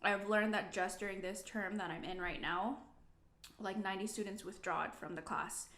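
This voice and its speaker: A young woman talks casually to camera like a student sharing updates with her viewers. Her delivery is informal and loosely rambling, with plenty of "like" thrown in. The room around her gives the voice a clear echo. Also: mid-range voice, fairly even intonation, moderate pace, fairly bright tone. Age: 20s. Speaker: nursing student vlogger. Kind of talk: casual chatty vlog to camera. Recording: echoey room.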